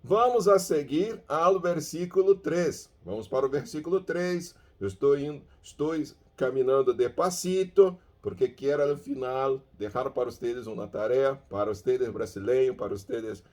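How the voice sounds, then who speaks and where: A man giving a language lesson who speaks slowly, repeats words and sounds them out, checking in often with his listeners. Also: medium pitch, a little mellow. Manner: keeps checking in with "ok?". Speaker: language teacher. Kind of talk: bilingual Bible-verse language lesson.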